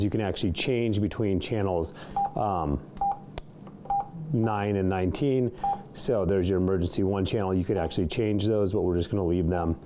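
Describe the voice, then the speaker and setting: Background noise accompanies a deep-voiced man casually demonstrating a CB radio in an indoor studio. As a product reviewer working without a script, he sounds slightly hesitant moving through the features.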